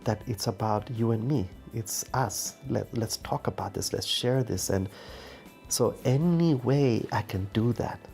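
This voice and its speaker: A man's voice: medium pitch, a little slow, gravelly, warm tone, faint music behind. A man from Zimbabwe, an artist and art teacher, speaking thoughtfully in a documentary interview and searching for his words.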